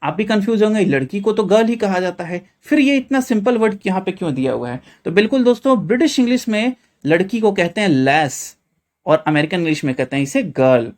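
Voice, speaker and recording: A teacher from India walks through a vocabulary lesson, leaning hard on "friends" and on reminders to remember each word. The pitch swings widely, rising high at the start of each new point and dropping low at the close. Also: lively intonation, a little fast, darkish tone. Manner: addresses viewers as friends, repeats reminders to remember. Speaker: English teacher.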